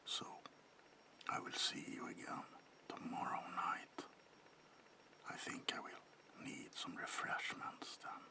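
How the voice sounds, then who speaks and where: Close to his everyday voice, a man whispers as a courtly, predatory vampire baron in ASMR roleplay. It's slow and theatrical, breathy and gravelly, menacing beneath the courtesy, and it comes across as soothing and weary.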